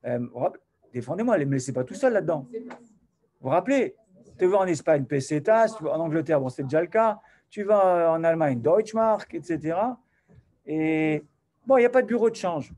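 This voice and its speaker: A man giving an animated sermon to a class, swinging from loud to soft and acting out little dialogues. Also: fairly high pitch, normal speed, a little hiss or hum. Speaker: rabbi teaching a class.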